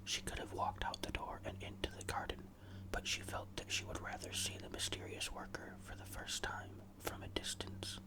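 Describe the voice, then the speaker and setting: A storyteller reading a ghost story in a hushed, suspenseful whisper, deliberate and fully unvoiced, in an ASMR style. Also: rough recording.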